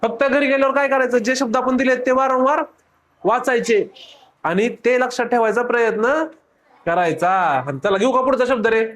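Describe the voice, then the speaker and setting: A man's voice: very high-pitched, normal speed, fairly bright tone. A man teaching a classroom of children, quizzing them with repeated questions and playful teasing.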